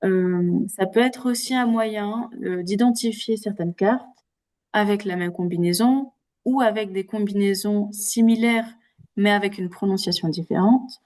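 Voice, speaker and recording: A woman's voice: medium pitch, unhurried, darkish tone. A woman presenting and moderating an online teacher workshop over a video call, speaking hesitantly with many filler sounds. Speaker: webinar presenter.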